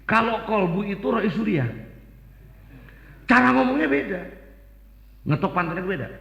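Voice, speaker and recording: Lively joking preacher. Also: male voice, sits high, moderate pace, gravelly, muffled recording, background noise. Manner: joking, storytelling with many voices. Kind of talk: humorous sermon. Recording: echoey hall reverb.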